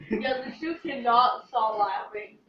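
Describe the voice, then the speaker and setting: A woman's voice: on the high side, a little slow, crowd noise. A young woman vlogger with a teasing, playful manner, chatting casually in a home kitchen. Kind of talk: casual joking chat. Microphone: camera mic across the room. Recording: echoey, distant, muffled and noisy.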